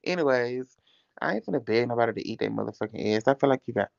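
A man's voice: mid-range voice, expressive, quick pace, vocal fry, no echo, lo-fi sound. A man from Mississippi, hosting a livestream with crude, teasing, swear-heavy banter. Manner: brash, teasing, swears a lot. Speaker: livestream host.

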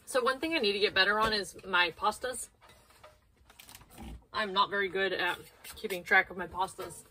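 The recording is low quality with a bit of hiss or hum: a woman in her thirties, a prepper vlogger, organizing her home pantry while thinking aloud. Her mid-range voice is pushed and bright at a moderate pace, captured by a camera on a low shelf a few feet from her in the small shelved room.

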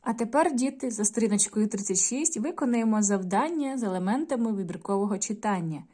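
A woman teacher in a video lesson, reading a folk tale aloud and addressing the children in a clear, measured storytelling manner. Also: mid-range voice, expressive, mellow. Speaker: primary school teacher.

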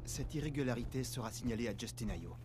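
A man's voice: mid-range voice, lively intonation, quick pace, over music, close to an everyday voice. A man voicing a stern male security robot that guards a restricted zone in a video game, with clipped, formal, officious announcements. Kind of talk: video game dialogue, dubbed.

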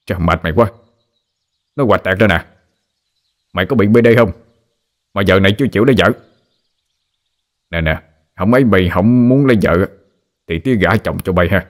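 Man doing a grumpy joking dad near sixty, deep voice, nagging banter. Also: normal speed, long pauses, natural voice. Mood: teasing. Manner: teasing, grumbling banter. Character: grumbling father nearly sixty, joking.

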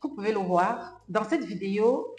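A woman's voice: mid-range voice, expressive, moderate pace, darkish tone, slight background noise. A young woman, presenting in a scripted, questioning narration. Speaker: host. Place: indoors, plain studio wall. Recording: roomy echo. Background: faint music.

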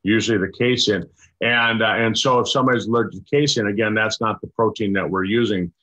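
An older man, a doctor, explaining a product in casual chat over a video call, halting with many restarts and fillers. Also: fairly low pitch, steady tone, bright, forceful tone. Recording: dull lo-fi video call audio.

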